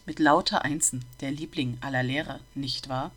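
A gruff, grumbling old man who runs a bookshop, as a woman reads him in a storybook. He questions sharply and disapprovingly, in a low, dark voice with a forceful, bright edge. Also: fairly even intonation, moderate pace. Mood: gruff, probing.

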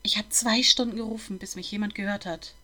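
A woman voicing a shy, withdrawn schoolboy who answers hesitantly and quietly. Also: mid-range voice, steady tone, a little fast, pitched above the performer's own voice. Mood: timid, hurt.

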